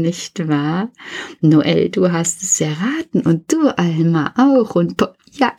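A woman kindergarten teacher telling a suspenseful story to children, often half-whispering, then bursting into lively exclaims. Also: low voice, breathy edge.

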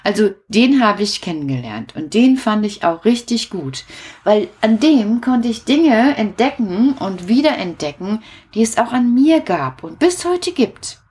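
A woman's voice: fairly high pitch, big pitch swings, measured pace, a little mellow. A woman hosting a children's show, chatting casually to the kids in a rambling, self-deprecating way.

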